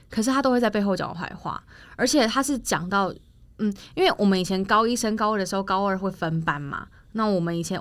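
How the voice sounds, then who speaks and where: A woman's voice: mid-range voice, no echo. A young woman co-hosting a podcast, chatting casually and telling stories with indignant asides. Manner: lively storyteller, indignant asides. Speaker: podcast co-host. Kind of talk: casual chat, storytelling.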